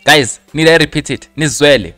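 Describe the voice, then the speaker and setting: A man's voice: a little high, moderate pace, sharp tone, no room sound, faint music behind. A young man with a South African accent giving a casual, conversational football news update, mixing English with Zulu and addressing viewers as friends, close on a handheld microphone. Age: young adult. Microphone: handheld microphone close to the mouth.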